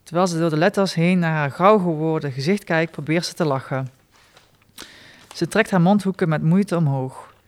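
Man reading a story, dry and deadpan. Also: a little high, moderate pace. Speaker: storyteller reading his own stories. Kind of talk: live reading of short stories.

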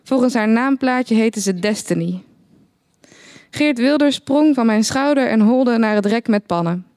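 Droog vertellende vrouwenstem. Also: female voice, a little high, measured pace, no room sound. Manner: dry, deadpan first-person narration. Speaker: narrator. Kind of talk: reading a satirical short story aloud.

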